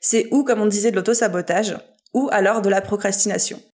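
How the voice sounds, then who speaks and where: A woman's voice: medium pitch, brisk, a little mellow. A woman guest, a business coach, explaining her ideas fluently in a casual interview.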